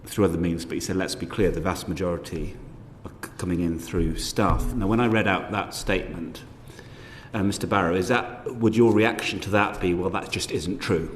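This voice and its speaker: In a parliamentary committee room, a low-voiced man serving on the committee questions witnesses in a measured, polite way, hedging his questions. A long hall reverb rings around his voice, over faint background noise.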